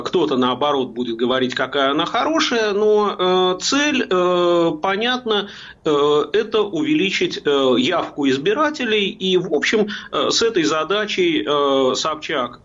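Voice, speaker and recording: A man giving political commentary as a guest, pausing constantly with drawn-out hesitations between words. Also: a little high, a bit bright, dull audio.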